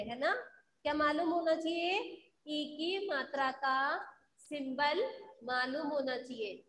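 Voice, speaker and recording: High-voiced woman teaching slowly. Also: fairly bright tone. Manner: repeats questions to students and answers them herself; sounds out syllables slowly. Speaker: school teacher. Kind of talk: online Hindi phonics lesson. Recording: echoey room with faint background noise.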